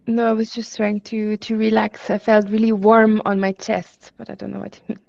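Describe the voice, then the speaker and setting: A woman taking part in a session, answering in a hesitant, soft-spoken way over a video call. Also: medium pitch, completely flat delivery, normal speed, vocal fry, dry recording. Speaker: session participant. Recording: dull, dry lo-fi call audio.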